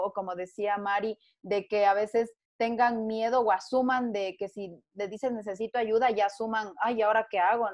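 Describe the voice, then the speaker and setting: A woman speaks as a guest in a conversational panel. Her voice sits at a middling pitch. She tells her story earnestly, often restarting her sentences. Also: a little mellow. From Ecuador.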